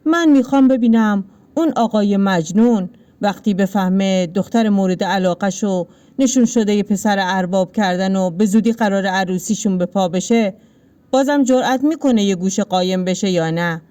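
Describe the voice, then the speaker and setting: A woman voicing a domineering village landlord in a read-aloud story, with curt, calm, menacing lines. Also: medium pitch, clean tone, natural voice. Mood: cold menace.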